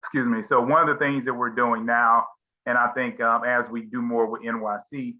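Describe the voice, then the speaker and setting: A man's voice: mid-range voice, flat delivery, moderate pace, sharp tone. A middle-aged man hosting a group discussion on a video call, talking casually and rambling with many fillers and restarts. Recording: slightly dull lo-fi call audio.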